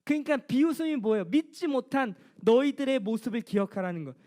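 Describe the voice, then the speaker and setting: A high-pitched woman gives a children's sermon, asking the children questions and answering them. Her delivery is animated, and her voice rises and falls as she tells the story. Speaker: children's pastor.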